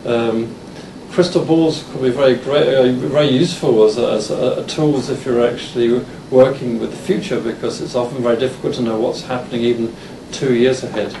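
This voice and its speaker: An older male university lecturer with an English accent, born in England and from Denmark, sounds far off as he gives a conference talk. His mid-range voice is steady, but his delivery halts with many restarts and fillers, recorded in a roomy, distant, noisy hall.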